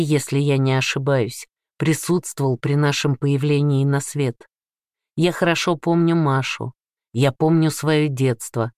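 A man's voice: fairly high pitch, darkish tone, no room sound, studio quality, lightly acted. A man reading an earnest young son. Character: earnest young adult son, gentle and insistent.

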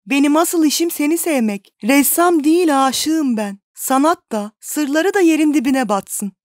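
A woman reading the lines of a passionate, poor young male painter, speaking in fervent, excited outbursts. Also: high voice, a little slow, no echo, clean studio sound, pitched above the performer's own voice. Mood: impassioned.

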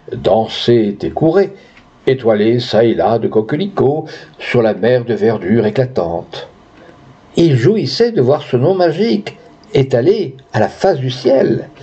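Husky man reading a tale expressively. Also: mid-range voice, mellow. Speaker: audiobook reader. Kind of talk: literary narration. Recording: dull lo-fi recording.

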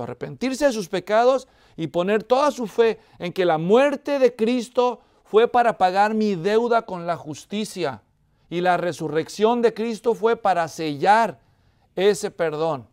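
A man's voice: sits high, clean tone. A man preaching an expository sermon who keeps asking the congregation whether they follow. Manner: asks the congregation frequent check-in questions; tells a joke in a lively, animated way.

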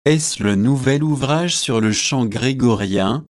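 A flighty young bride who gushes and forgets titles, read by a man. The voice is of middling pitch, with slow, unhurried delivery in a dry, close setting. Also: dry recording, close to an everyday voice. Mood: gushing. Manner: eager, gushing, forgetful chatter. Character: young newly married Anglican woman, chatty and flighty. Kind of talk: audiobook character reading.

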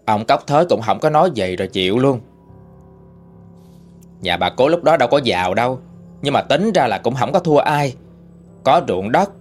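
A man with a Southern Vietnamese accent tells a family tale in a folksy, chatty voice. His pitch sits in the middle and moves in lively swings. Soft music plays faintly underneath. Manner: folksy, chatty, with dialect particles. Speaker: storyteller. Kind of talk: oral storytelling.

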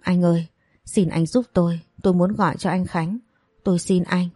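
A woman's voice: fairly low pitch, steady tone, normal speed, warm tone, no room sound, faint music behind, close to an everyday voice. Woman voicing a frightened young captive woman. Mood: pleading. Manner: pleading, stammering.

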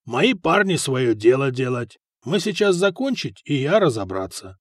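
A man's voice: medium pitch, sing-song, moderate pace, no room sound, clean studio sound. A man doing a gloating Danish warrior. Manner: speaks in broken, ungrammatical phrases.

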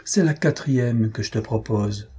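A man's voice: medium pitch, measured pace, warm tone, breathy edge. A man reading aloud, voicing a stern, irritable elderly aunt who scolds her nephew. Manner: scolding, indignant.

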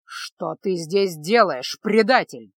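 A woman's voice: on the low side, lively intonation, takes it slowly, breathy edge, dry recording, clean studio sound, exaggerated voice. Woman doing a stern, menacing king. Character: stern angry middle-aged king.

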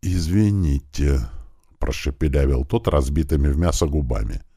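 A man's voice: a bass voice, big pitch swings, normal speed, mellow, no echo, studio quality. A man narrating a first-person audiobook in a dramatic, emphatic reading style.

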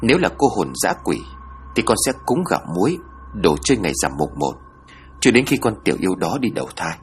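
A man's voice: sits low, very animated, fast talker, slight background noise. A man voicing a stern older female spirit medium who speaks coldly and ominously. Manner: mutters coldly.

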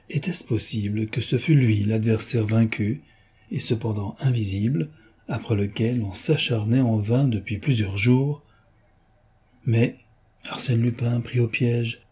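A man narrating a classic novel as an audiobook, measured and literary. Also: mid-range voice, mellow, breathy edge. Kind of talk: scripted narration.

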